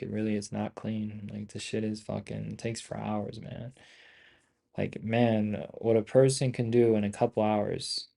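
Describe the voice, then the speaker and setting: A man's voice: lowish voice, creaky, mellow. A man hosting a trading livestream, chatting casually to viewers in a slangy, rambling, repetitive way with plenty of swearing. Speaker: day trader hosting a livestream.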